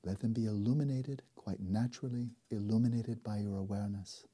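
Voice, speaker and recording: A man leading a guided meditation as a teacher, speaking slowly and softly with deliberate pauses and a husky edge. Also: fairly low pitch, fairly even intonation. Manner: slow, soft and deliberate, with long pauses.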